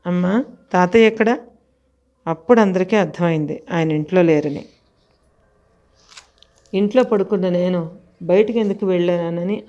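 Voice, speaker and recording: A woman narrating a scripted audio story in a measured, suspenseful first-person telling. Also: lowish voice, dark tone, muffled recording.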